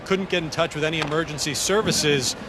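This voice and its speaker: A man's voice: a little high, brisk. A man reporting live from outdoors at a ballgame, speaking casually. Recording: loud crowd and outdoor noise.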